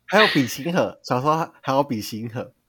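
A young man from Taiwan, co-hosting a casual chat podcast, telling stories in an animated, exaggerated way with frequent laughter. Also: medium pitch, a little fast, slightly rough, dry recording, studio quality. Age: young adult. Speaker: podcast co-host.

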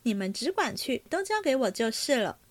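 A woman doing a sharp-tongued young noblewoman. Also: on the high side, very animated, no echo. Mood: brisk. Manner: quick, sharp-tongued banter. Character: bossy, teasing young noblewoman hostess.

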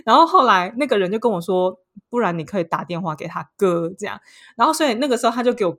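A woman with a Taiwanese Mandarin accent co-hosting a casual podcast chat, telling a story with lively swings between hushed and excited delivery. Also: mid-range voice, quick pace. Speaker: podcast co-host.

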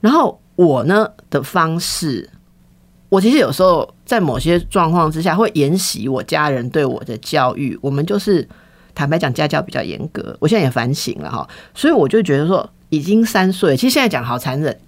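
A woman's voice: low-pitched, fairly quick. Candid woman telling a story. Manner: candid, animated storytelling with acted-out quotes. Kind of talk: casual chat, personal storytelling.

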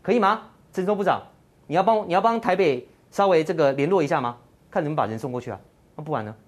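A man hosts a political commentary show in Mandarin with a Taiwanese accent. His delivery is sarcastic and combative, full of mocking rhetorical questions. His pitch swings widely and lively from phrase to phrase. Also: fast talker. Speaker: political talk show host.

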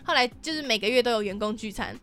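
A woman's voice: a little high, fast talker, fairly bright tone. A young woman hosting a podcast, telling stories bluntly with swearing and laughter. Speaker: podcast host. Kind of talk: casual storytelling chat.

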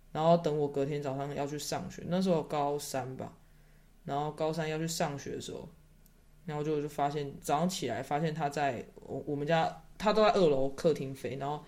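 A man's voice: on the high side, darkish tone. A young man, chatting casually as a podcast guest, telling a story in rambling bits that trail off, laughing often. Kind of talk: casual chat.

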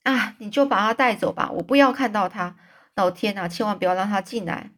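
A woman's voice: mid-range voice, brisk, fairly bright tone, lightly acted. A woman voicing a frail, overwrought young man in a storybook reading, emotional and pleading. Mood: frantic.

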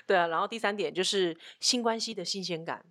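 A woman's voice: medium pitch, brisk, a bit bright, no echo. Blunt woman, dry sound. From Taiwan. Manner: blunt, teasing, asks for agreement often. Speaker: co-host. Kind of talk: frank casual chat about relationships.

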